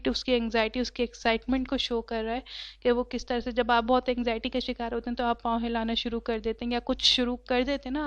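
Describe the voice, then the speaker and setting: A woman teacher explaining an English textbook story. She reads each English line slowly, then explains it at length with many fillers. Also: a little high, no echo. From Pakistan. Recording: dull lo-fi dry recording.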